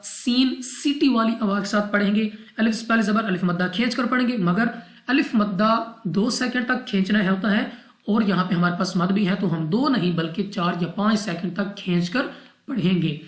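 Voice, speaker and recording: Woman Quran tutor from Pakistan, patient rule-by-rule explainer, mid pitch, roomy echo. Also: moderate pace. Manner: methodical, repeats rules step by step. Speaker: Quran teacher. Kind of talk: tajweed lesson explanation.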